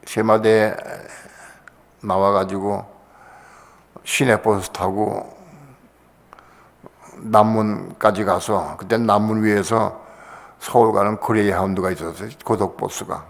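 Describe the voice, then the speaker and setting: In a church sanctuary, an older pastor delivers an emotional testimony from the pulpit, his creaky voice mostly even in intonation, unhurried and broken by long pauses. Every so often his pitch shoots up in a passionate burst, and the hall's long reverb trails after his words.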